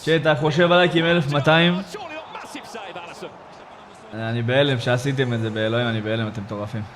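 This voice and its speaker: A man live-streaming a football video game, exclaiming in excitement, repeating himself and thanking viewers in slangy chat. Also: medium pitch, a crowd in the background. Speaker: gaming livestreamer.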